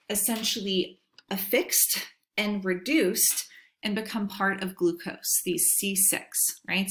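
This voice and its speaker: A woman's voice: mid-range voice, a bit bright. A woman teacher narrating a screen-recorded lecture over a computer microphone, explaining step by step and checking in with "right?".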